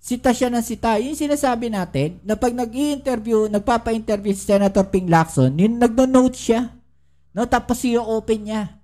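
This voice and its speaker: A woman's voice: a little high, moderate pace, dark tone. A woman giving casual political commentary to her viewers, full of rhetorical questions and tag questions. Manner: addresses viewers directly and often.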